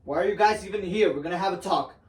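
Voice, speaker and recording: Guy doing a stern lady school boss barking quick orders, no-nonsense, rushing kids out of the room. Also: sits high, reverberant, distant mic, lightly acted. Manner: bossy, hurried orders. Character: stern female school CEO.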